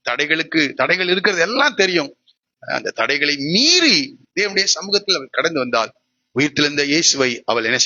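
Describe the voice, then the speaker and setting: A pastor preaching a sermon, asking the congregation questions and answering them himself. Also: male voice, a little high, bright, forceful tone, lo-fi sound.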